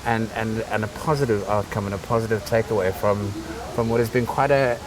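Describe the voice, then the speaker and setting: A man's voice: on the low side, fairly quick, far from the mic, crowd noise, rough recording. A man hosting a casual interview, affectionate with his guest and hesitant, with many ums. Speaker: interviewer host.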